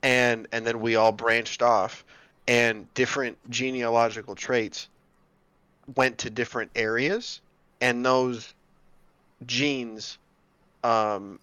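A man's voice: mid-range voice, level tone, slow, a bit bright, clear, resonant tone, no room sound, low-quality recording. A man chatting casually, rambling with many fillers and restarts. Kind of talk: casual chat.

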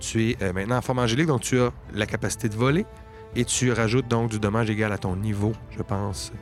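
A man with a Quebec French accent, narrating a tabletop game as game master in an unhurried, descriptive way. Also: fairly low pitch, faint music behind. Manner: descriptive, unhurried storytelling with many fillers.

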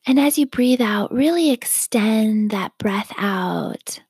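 Guiding a meditation, a woman speaks in a hushed, whispery, breathy voice that's a little high, trailing into a gravelly fry at phrase ends. She is slow, calm, and gently instructive, recorded close and dry with no room sound at all.

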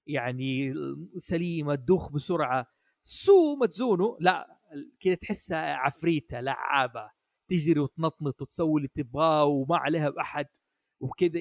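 A man's voice: a little high, no room sound, studio quality. A man, a guest in a casual chat about an anime, who talks with many restarts and keeps checking in with his listeners. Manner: hesitant, many restarts, asks "حلو؟" often. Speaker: podcast guest.

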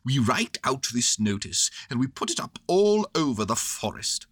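A woman's voice: extremely low pitch, sing-song, moderate pace, slightly rough, no echo, voice pushed up, full character voice. A woman voicing a pompous, wordy male owl who thinks himself wise, declaiming long-windedly in a storybook. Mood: self-important.

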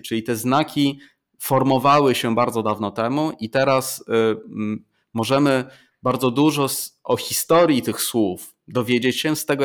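A middle-aged male professor talks through a subject in a measured, explanatory way. He works through examples and often pauses on fillers or restarts a word. His pitch sits at an ordinary middle level for a man. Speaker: professor of Chinese, interview guest. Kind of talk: explanatory interview talk.

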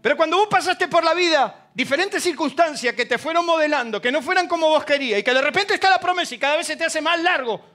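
A middle-aged pastor with an Argentine accent delivers a sermon in a very high, bright voice. He tells stories and acts out the quoted lines, dropping into hushed asides between loud, emphatic lines. Faint music plays underneath. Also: fast, few pauses. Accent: Argentine Spanish. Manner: storytelling, acting out quoted dialogue. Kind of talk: sermon with told anecdotes.

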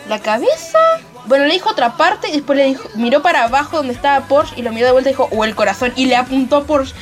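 A woman with an Argentine accent excitedly retelling and commenting on a series episode, acting out lines and gunshot sounds. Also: high voice, rapid-fire, soft background music. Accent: Argentine Spanish. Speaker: series reviewer. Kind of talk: casual recap and commentary.

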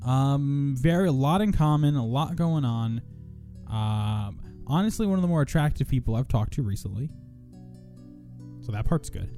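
A man's voice: medium pitch, expressive, normal speed, mellow, faint music behind. A young man hosting a podcast in casual chat, rambling, swearing and poking fun at himself. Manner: profane, rambling, self-mocking. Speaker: podcast host.

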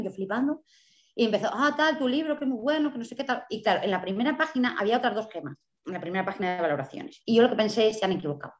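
A woman's voice: medium pitch, reverberant, highs cut off. A woman, a novelist from Spain, telling stories in a casual interview and acting out the voices of people she quotes. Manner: animated storyteller, acts out quoted dialogue, laughs often. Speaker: guest novelist.

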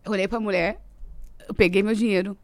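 Animated Brazilian woman telling a story. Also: medium pitch, brisk, no echo. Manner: animated storytelling, laughs often. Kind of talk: casual chat.

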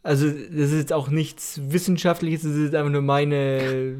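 Guy on a podcast, kinda high voice, lots of umms while he explains stuff. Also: flat delivery, normal speed, a little mellow. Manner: explanatory, hesitant with many fillers, teasing. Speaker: podcast co-host explaining dialects. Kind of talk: casual podcast chat.

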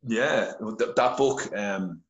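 Taking it slowly in a fairly low voice, a middle-aged Irishman recounts his story as a podcast guest, swearing a lot in a blunt, earnest way. He's on a phone held to his face, and the rough recording sounds like an echoey room.

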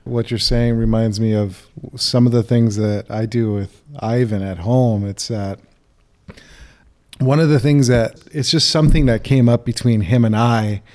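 A man with a medium-pitched voice telling a relaxed story about home life. He speaks as a father in a casual conversation. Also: unhurried.

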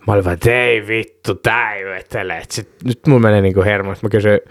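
A man's voice: on the low side, steady tone, dry recording, studio quality. A man co-hosting a casual podcast, telling a rowdy story with lots of swearing and laughter.

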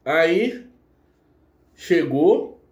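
A man's voice: fairly high pitch, animated, darkish tone. Roomy-sounding man telling a story. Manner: emotional, halting with restarts. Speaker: podcast guest. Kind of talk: casual storytelling. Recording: roomy echo.

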